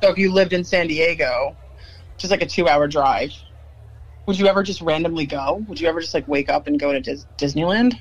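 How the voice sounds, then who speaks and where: High-voiced, chatty man co-hosting. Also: fairly quick, dry recording, muffled recording. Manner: eager, chatty, says "like" a lot. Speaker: podcast co-host. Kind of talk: casual chat.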